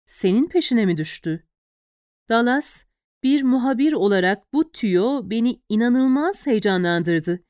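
A shrewd, caring female reporter, read by a woman narrator, talks earnestly and persuasively. Her voice is smooth and fairly high. The audiobook sound is close and dry. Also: expressive, a little slow, darkish tone, no echo.

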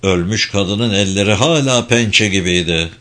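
A man reading a dark novel aloud as an audiobook narrator, with expressive delivery. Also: lowish voice, a little slow.

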